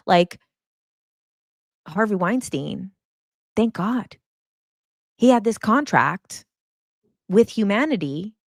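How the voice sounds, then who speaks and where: A woman's voice: mid-range voice, dry recording, clean studio sound. A woman hosting a casual spiritual chat, talking loosely and rambling with lots of "like" and "you know". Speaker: podcast host and spiritual coach.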